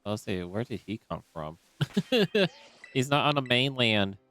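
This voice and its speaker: A young man in a relaxed, rambling style, commenting casually as he streams a game and talking to himself with many fillers. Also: medium pitch, a little slow, soft background music.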